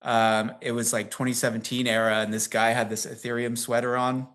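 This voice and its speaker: A brisk, flat-delivered, mid-range male voice with a fairly bright tone comes from a tech company CEO in his fifties. This American guest, who has no accent, rambles chattily through long stories in a casual interview, laughing frequently and leaning on "um" and "like."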